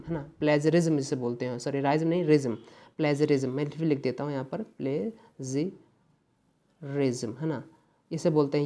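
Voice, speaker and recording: Male English exam tutor with a soft, mellow tone, unhurried and explanatory. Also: a little high. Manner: explains patiently, mixing English terms into Hindi; keeps checking in with "है ना" and "ध्यान दीजिएगा". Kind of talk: exam paper walkthrough lesson.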